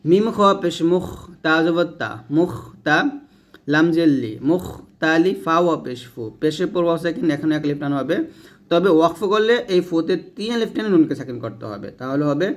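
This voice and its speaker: A man teaching Quran reading step by step, spelling out letters and vowel marks, then chanting the verses in long drawn-out tones. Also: a little high, lively intonation. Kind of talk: step-by-step recitation lesson.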